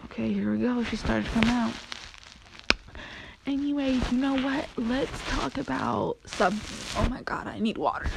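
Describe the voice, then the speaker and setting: A woman's voice: a little high, expressive, a little slow, gravelly, long pauses, heavy background noise. A woman chatting to camera in a casual solo vlog, rambling and drifting between normal talk and whispers, her voice going dry and failing. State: losing her voice, dry-throated. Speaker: vlogger.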